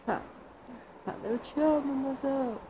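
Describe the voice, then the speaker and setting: A woman's voice: sits high, normal speed, background noise. A woman with a Brazilian accent teasing and coaxing her partner in a playful home video chat. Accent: Brazilian Portuguese. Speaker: vlogger filming with her partner.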